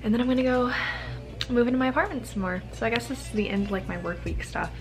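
A woman's voice: on the high side, quick pace, over music, low-quality recording. An American woman in her early twenties chatting casually to her vlog camera in a bubbly sorority-girl way, peppering her talk with "like" and "literally.". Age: early 20s. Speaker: vlogger, college sorority member. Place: small bedroom, indoors. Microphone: camera at arm's length.

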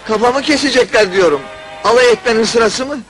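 A man acting an excitable, fretful court jester in a fairy-tale film. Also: extremely high pitch, fairly quick, rough recording. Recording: old film soundtrack with music.

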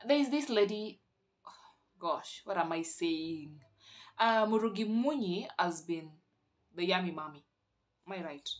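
A woman's voice: lowish voice, animated, unhurried, long pauses. A young Kenyan woman with a Kenyan accent chatting playfully on her vlog, switching between languages mid-sentence. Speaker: vlogger. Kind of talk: casual chat.

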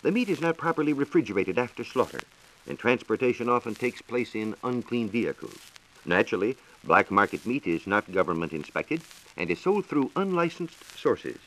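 On 1940s radio, an American science reporter gives a scripted, formal talk from a radio studio, explaining things declamatorily. His fairly low, slightly bright voice has a sing-song lilt at a fairly quick pace, and the low-quality recording comes from a hissy 1940s radio transcription disc.

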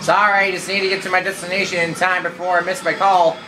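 A man's voice: sits high, flat delivery, quick pace, over music, low-quality recording. A man casually narrating a driving game, rambling and joking at himself while role-playing his character. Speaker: gameplay commentator.

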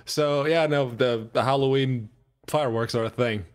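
A man's voice: medium pitch, normal speed. A man from Portugal, co-hosting a casual podcast in a rambling, hesitant way. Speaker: podcast co-host. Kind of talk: casual chat.

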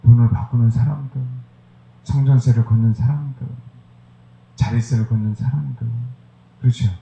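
A man preaching a sermon with a very dark, mellow voice. He presses his listeners with rhetorical questions, and his voice rings in an echoey room. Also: mid-range voice, steady tone, moderate pace, vocal fry, lo-fi sound, faint music behind. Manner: emphatic, rhetorical questions to the congregation. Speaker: pastor.

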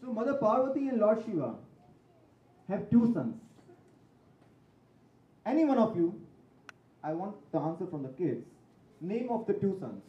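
A man's voice: high-pitched, big pitch swings, a little slow, long pauses, recorded from a distance. A man telling a devotional story to families, dramatic and emphatic, often asking the audience questions. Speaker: storyteller at a religious festival. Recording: roomy hall from afar, dull.

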